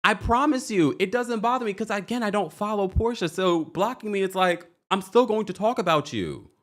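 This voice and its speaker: A man with a high, slightly bright voice hosts a reality TV recap livestream at normal speed. His casual, gossipy commentary is playful, teasing and exclamatory, with phrases repeated for emphasis.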